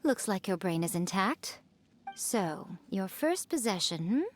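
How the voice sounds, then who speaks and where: Yae Miko, sly fox-spirit priestess. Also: female voice, medium pitch, very animated, a little hiss or hum. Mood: amused, teasing. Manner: teasing, unhurried, poised. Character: sly, teasing, elegant adult fox-spirit shrine priestess. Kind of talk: video game voice acting. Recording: music under the voice.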